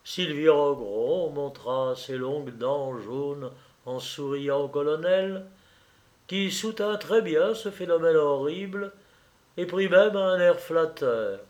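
A man narrating a classic novel as an audiobook, slow and measured. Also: fairly high pitch, darkish tone.

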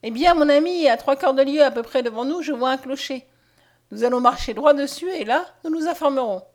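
A woman's voice: sits high, fairly quick, voice pushed up, natural voice. A woman voicing a hopeful, devout young peasant girl who speaks fervently and tenderly. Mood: eager.

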